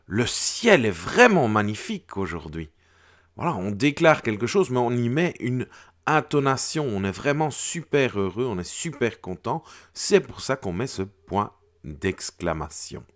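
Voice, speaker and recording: A man teaches children a French grammar lesson, explaining slowly and clearly and acting out the intonation of his example sentences. His voice is lowish with a fairly bright tone.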